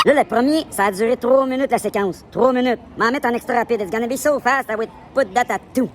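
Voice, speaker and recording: A man with a Québécois accent, livestreaming a loud, provocative, rambling monologue in a public place and switching between French and English. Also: very high-pitched, fairly quick, slight background noise. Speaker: live vlogger.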